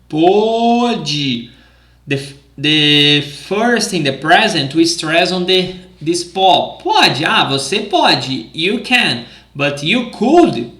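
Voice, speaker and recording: A Brazilian man with a Brazilian Portuguese accent, teaching a language lesson and speaking the drill sentences slowly and carefully. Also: a little high, bright, forceful tone, roomy sound. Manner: slow, careful drills in Portuguese, with upbeat English asides.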